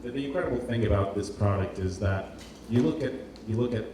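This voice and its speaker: A Portuguese man with a lowish voice speaks fairly quickly in an informal designer's presentation, pausing and repeating words as he searches for how to say things. Heavy echo fills the indoor event space, and the recording is distant, roomy and noisy.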